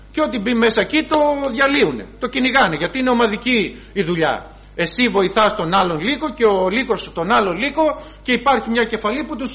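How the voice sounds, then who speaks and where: A man, a priest with a deep voice, preaching a sermon with slow, emphatic delivery and rhetorical questions. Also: bright, forceful tone, poor audio.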